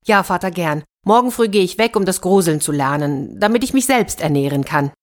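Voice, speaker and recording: A woman's voice: fairly low pitch, animated, brisk, natural voice. A woman voicing a simple-minded, fearless young village lad in a children's fairy-tale reading. He sounds earnest and unbothered.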